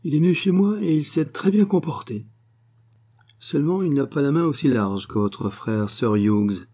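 A man's voice: fairly high pitch, moderate pace, warm tone, voice pushed up, lightly acted. A man voicing a scheming foreign woman spy, brazen and wheedling. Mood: coaxing.

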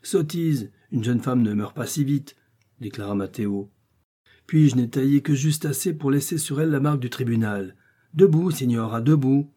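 Man reading as a gruff Venetian bandit gondolier. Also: mid-range voice, moderate pace, mellow, voice pushed up, lightly acted. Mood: gruff scornful.

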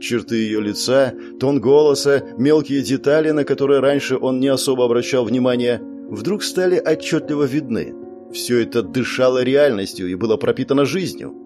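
Male audiobook narrator, steady and measured. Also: medium pitch, music in the background.

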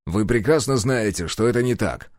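A stubborn, reluctant hero, read by a man in an audiobook. He answers bluntly and gruffly, swearing when pressed, and his pitch moves a lot. The sound is dry and close. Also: lively intonation, moderate pace, darkish tone, dry recording, lightly acted. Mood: defiant.

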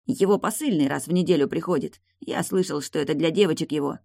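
Whiny defiant male dealer, voiced by a woman reader, low dark tone, dry recording. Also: fast, gravelly, dry recording. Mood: groaning. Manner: whining, defiant. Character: scared, sneering male drug dealer. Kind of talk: audiobook reading.

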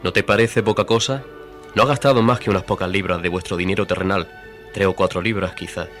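A man's voice: low voice, steady tone, fast, fairly bright tone, faint music behind, voice pushed down. A man voicing a solemn, probing ghost in a radio story reading. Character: solemn male ghost of past Christmases.

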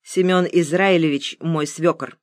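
A woman voicing a calm, courteous woman who speaks quietly on the phone. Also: sits low, measured pace, no room sound. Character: calm polite woman with a pleasant soprano.

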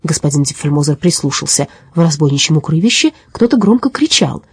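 Audiobook reader, woman, husky voice, lively expressive delivery, dry close sound. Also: low-pitched, a little fast, no room sound. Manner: expressive storytelling. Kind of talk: scripted narration of a children's story.

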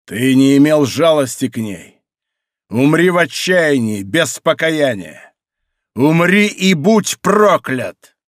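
A man voicing a relentless, vengeful young man disguised as a monk, who interrogates coldly and then shouts accusations. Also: medium pitch, expressive, moderate pace, dry recording, studio quality, close to an everyday voice. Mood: accusing. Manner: probing, then harsh and commanding.

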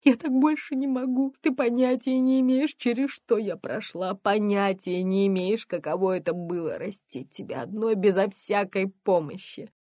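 A woman voicing a distraught single mother who shouts and sobs, gasping for air, in an audiobook. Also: mid-range voice, normal speed, few pauses, no echo, clean studio sound, close to an everyday voice. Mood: sobbing.

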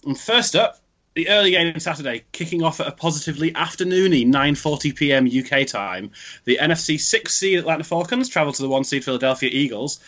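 A man's voice: fairly high pitch, lively intonation, a little fast, sharp tone. A British man hosting a football podcast with dry, self-deprecating humor. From United Kingdom. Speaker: podcast host. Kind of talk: casual podcast chat. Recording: dull lo-fi sound.

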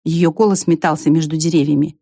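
A woman narrating a children's story in an expressive storytelling manner. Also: sits low, a little fast, gravelly, no room sound, studio quality.

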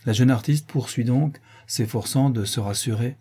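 A man narrating a classic novel in a measured, literary reading. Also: medium pitch, warm tone, husky. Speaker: audiobook narrator. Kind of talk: audiobook narration.

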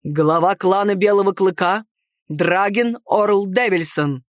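A woman's voice: medium pitch, slow, dry recording, studio quality, close to an everyday voice. A woman reading aloud and voicing a stern, commanding werewolf clan chief who barks orders. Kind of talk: audiobook character voice.

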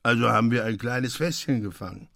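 A man voicing a dazed, happily drunk young fisherman who speaks slowly and slurs into a singsong. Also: mid-range voice, gravelly, a bit bright, dry recording, studio quality. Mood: drunk, blissful. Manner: slow, slurred, singsong drunken speech.

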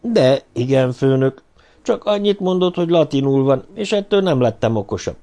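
A loyal, aging male assistant, voiced by a male audiobook reader. He answers deferentially, explaining at length. His voice sits clearly higher than the narrator's own. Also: lively intonation, mellow, natural voice.

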